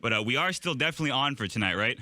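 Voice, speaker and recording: Radio host, male, mid pitch, very bright and punchy, chatty; dry studio sound. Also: expressive, rapid-fire, no room sound. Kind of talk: radio interview.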